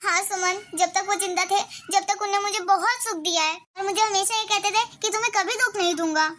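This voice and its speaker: A woman voicing a gentle widowed grandmother in a cartoon, speaking in a soft, pleading and tender way. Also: very high-pitched, fairly even intonation, a little fast, slight background noise. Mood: sorrowful. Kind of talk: cartoon voice acting.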